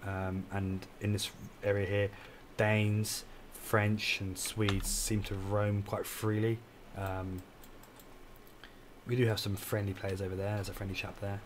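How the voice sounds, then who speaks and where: Tired man, low flat voice. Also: a little slow, noisy background. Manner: rambling, self-correcting, explains as he plays. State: tired, yawning. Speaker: game streamer. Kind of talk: casual live gameplay commentary.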